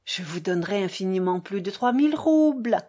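A woman's voice: medium pitch, lively intonation, brisk, warm tone, natural voice. A woman reading an audiobook, voicing a feverish, desperate young man who pleads urgently and fervently.

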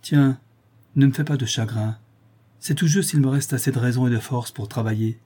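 A man's voice: mid-range voice, moderate pace, dark tone, slightly rough, close to an everyday voice. A man voicing a desperate, worn-out craftsman. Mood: pleading. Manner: anguished, pleading. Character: exhausted, despairing poor craftsman.

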